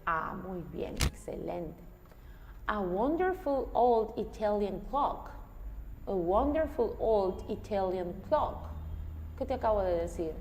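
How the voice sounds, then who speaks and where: A woman's voice: mid-range voice, expressive, slow, a little mellow. Peruvian-accented woman teacher, patient step-by-step explainer, echoing classroom with faint background hum. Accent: Peruvian Spanish. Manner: explains step by step, often quizzing students. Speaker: English teacher. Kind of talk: classroom lesson.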